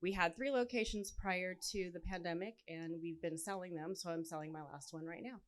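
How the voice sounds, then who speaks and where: A woman's voice: lowish voice, a little fast. A woman in her forties from California introducing herself on a panel in a plain, matter-of-fact way. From Modesto, California. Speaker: panelist, realtor and cafe owner.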